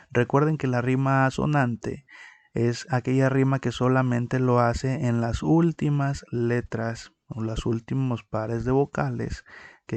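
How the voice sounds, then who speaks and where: A man's voice: medium pitch, no echo. A man teaching a recorded lesson on poetic meter, explaining step by step and counting syllables aloud.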